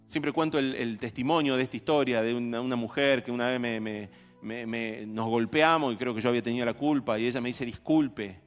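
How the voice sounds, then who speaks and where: A pastor delivers a conversational sermon, animatedly acting out everyday dialogues. His voice is medium-pitched, clear and resonant, and he speaks briskly. The recording carries the reverberation of a hall with soft music playing.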